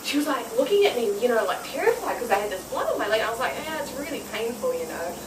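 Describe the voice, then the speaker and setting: A woman's voice: on the high side, very animated, rapid-fire. A young woman with a New Zealand accent, chatting as a cosplayer guest in an interview, bubbly and laughing often. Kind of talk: casual interview chat. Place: outdoor public gardens. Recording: roomy, distant outdoor mic with noise.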